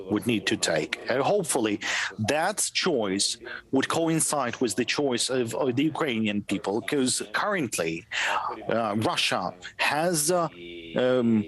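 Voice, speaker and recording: Slow, mid-pitched man as an interpreter doing translation voice-over, halting delivery. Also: a bit bright, poor audio. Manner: halting, repeats words and pauses with fillers. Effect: live translation voice-over of an interview answer. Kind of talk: simultaneous interpretation.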